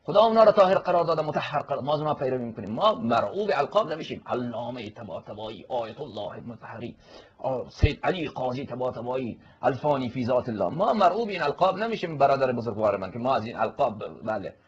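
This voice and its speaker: A male cleric giving a forceful, polemical religious lecture, answering a questioner and quoting Arabic scripture. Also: mid-range voice, expressive, slightly rough, lo-fi sound.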